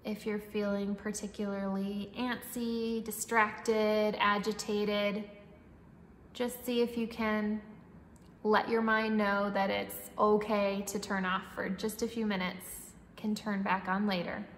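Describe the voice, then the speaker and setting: A woman leading a guided breathwork meditation in a soothing, instructing manner, with long pauses and audible breathing and sighs. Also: medium pitch, little pitch movement. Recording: echoey reverberant room, faint background noise.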